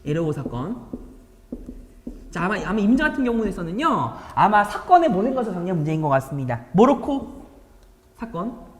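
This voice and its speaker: A woman's voice: medium pitch, very animated, moderate pace, long pauses, echoey room, big-room sound. A woman teacher walking students through exam problems in a chatty lecture, often checking in with rhetorical questions. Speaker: high school history teacher.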